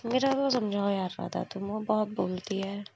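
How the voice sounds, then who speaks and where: A woman's voice: medium pitch, moderate pace, vocal fry, dull audio, background noise, lightly acted. A woman voicing a bossy, sulky tomboyish young woman, making petulant threats in a storybook reading. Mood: complaining.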